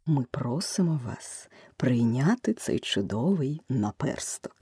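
A self-important male dodo from a storybook speaks with slow, weighty solemnity, as a woman reads him. The voice sits low and husky. The recording is close and dry. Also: big pitch swings, dark tone, dry recording, exaggerated voice.

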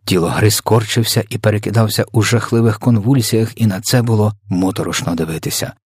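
A man reading a children's story aloud in an expressive, dramatic narration. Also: lowish voice, brisk, breathy edge, dry recording, studio quality. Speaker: audiobook reader.

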